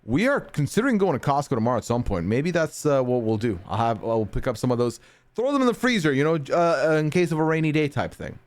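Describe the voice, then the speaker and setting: A North American man streams and answers chat, rambling casually and laughing often; his mixed accent sometimes gets mistaken for British. He talks quickly in a sing-song, fairly high voice.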